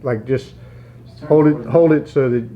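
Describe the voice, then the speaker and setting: A man's voice: mid-range voice, unhurried, mellow, dull audio. A man chatting casually, prompting and commenting as a helper. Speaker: off-camera helper asking and commenting. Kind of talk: casual chat.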